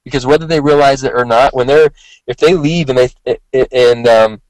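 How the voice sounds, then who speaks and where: A mid-range male voice, heard at a moderate pace with no echo but poor audio, leads a motivational sales training session. Hoarse after a long day of speaking and now and then coughing, he keeps things conversational and emphatic, circling back to the same points.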